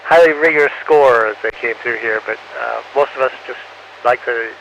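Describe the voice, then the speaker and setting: An astronaut answering students over a radio link from space that is breaking up. He speaks haltingly with frequent fillers and ends each answer with "over". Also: medium pitch, gravelly, a bit bright. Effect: radio downlink from space, muffled and breaking up. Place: on board the space station. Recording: muffled radio link with faint static.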